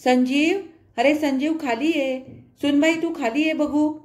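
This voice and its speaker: A woman voicing a cautious older mother-in-law who tries to smooth over a family quarrel. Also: on the high side, lively intonation, moderate pace, darkish tone, natural voice. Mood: calling. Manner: calling out, smoothing things over.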